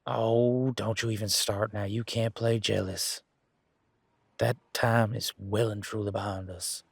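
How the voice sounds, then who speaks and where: Man playing Gavin, gravelly low-voiced flirty werewolf. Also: flat delivery, a little slow, dry recording, full character voice. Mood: earnest, reassuring. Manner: teasing, informal, conversational. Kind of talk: roleplay audio drama, one side of a dialogue.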